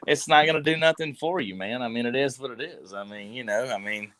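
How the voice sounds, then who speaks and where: A man's voice: medium pitch, brisk, fairly bright tone, dry recording. Rambling, swearing man in his twenties. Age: 20s. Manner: rambling, heavy with fillers and swearing. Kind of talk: casual podcast chat.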